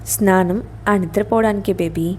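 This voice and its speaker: A woman's voice: mid-range voice, fairly even intonation, normal speed, a little mellow, slight background noise, lightly acted. A woman reading as a domineering husband. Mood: sweet. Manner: curt, commanding.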